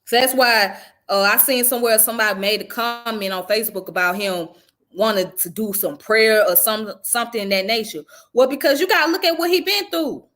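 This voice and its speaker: A woman's voice: a little high, fairly quick, a bit bright. A woman who grew up in the American South, giving blunt, profane, conversational commentary on her own channel. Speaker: channel host. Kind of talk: casual commentary vlog.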